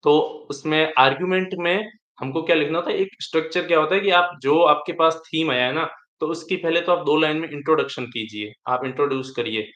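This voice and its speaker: Young man, exam topper, explaining step by step; slightly high voice in a reverberant room. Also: fairly quick, fairly bright tone, muffled recording. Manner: explanatory, repeats and restarts while advising. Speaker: exam topper sharing tips. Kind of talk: live online interaction. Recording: echoey room.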